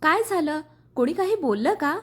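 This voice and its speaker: A woman's voice: high voice, animated, normal speed. A woman voicing an earnest, protective young husband in a storybook reading, speaking firmly and pleadingly. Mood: earnest, pained.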